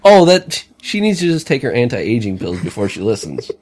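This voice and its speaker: A man's voice: mid-range voice, wildly swooping pitch, moderate pace, darkish tone. A man co-hosting a casual podcast, joking around and laughing often. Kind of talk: casual chat.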